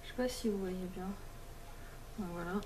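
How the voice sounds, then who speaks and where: A woman vlogging at home in a relaxed, rambling way, full of fillers and restarts and the odd English word. Her voice sits at an ordinary middle pitch. A faint hiss hangs under the recording. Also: normal speed. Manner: chatty, many fillers and restarts, mixes in English words. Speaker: beauty vlogger. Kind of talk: casual chat to camera.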